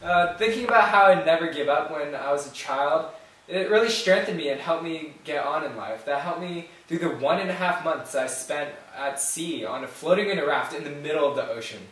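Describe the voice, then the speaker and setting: A man's voice: on the high side, fairly quick, a bit bright, natural voice. A man playing a stoic former prisoner of war who earnestly tells of his ordeal in a plain, storytelling way. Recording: very echoey room from far off.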